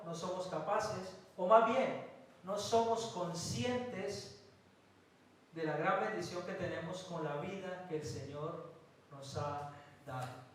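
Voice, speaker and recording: Male pastor from Colombia, higher voice, emphatic sermon delivery, recorded from a distance in a church hall. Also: a bit bright, slight background noise. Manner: preaching with emphatic pauses and rhetorical questions.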